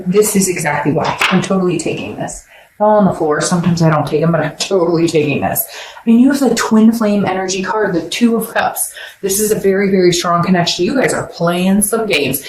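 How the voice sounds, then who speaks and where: A woman's voice: fairly low pitch, echoey room, noisy background. A woman giving a casual, rambling tarot reading to her viewers, blunt and joking, swearing now and then. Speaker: tarot reader.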